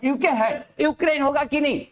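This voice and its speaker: A man teaching spoken English to a class, mixing Hindi and English, stretching out key English phrases slowly and often asking whether his students understand. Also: extremely high pitch. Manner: lively, drawn-out emphatic English phrases, checks understanding often.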